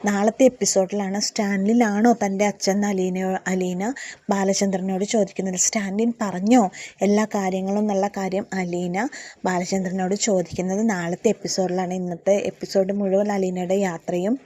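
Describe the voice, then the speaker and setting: A woman's voice: mid-range voice, mellow. A woman retelling a serial episode in a casual way, acting out the dialogue as she goes. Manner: retells scenes with acted dialogue. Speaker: serial recap storyteller.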